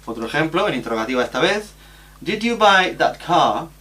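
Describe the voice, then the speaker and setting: A man's fairly high, sing-song voice sounds pushed and bright as he teaches a recorded grammar lesson. He explains the rules slowly and spells out letters and examples.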